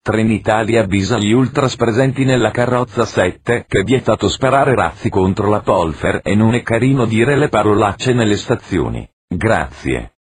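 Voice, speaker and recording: A man reading parody train station announcements in a formal, deadpan announcer manner. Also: lowish voice, normal speed, few pauses, slight background noise. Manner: formal announcer delivery with deadpan absurd jokes.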